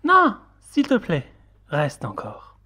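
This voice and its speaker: A woman voicing a shy mumbling young man, husky and low. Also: huge pitch swings, slow pace, sharp tone, full character voice. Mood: hesitant. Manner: hesitant, mumbling.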